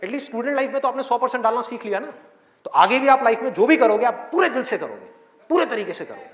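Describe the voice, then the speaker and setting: A man's voice: extremely high pitch, big pitch swings, fast, a bit bright. A man giving a motivational session to a live audience in a hall, full of rhetorical questions and acted-out voices. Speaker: motivational speaker. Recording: echoey hall with faint crowd.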